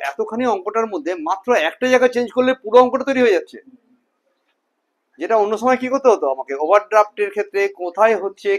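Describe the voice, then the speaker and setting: A man teaching a class in a classroom, firing questions at his students and repeating key terms, mixing in English and Hindi. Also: sits high. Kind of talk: classroom lecture with student call-and-response.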